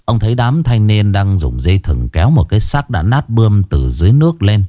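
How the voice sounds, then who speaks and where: Male horror storyteller, low mellow voice, lively pitch. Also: fairly quick, no echo, clean studio sound. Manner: dramatic, suspenseful. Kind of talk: scripted horror narration.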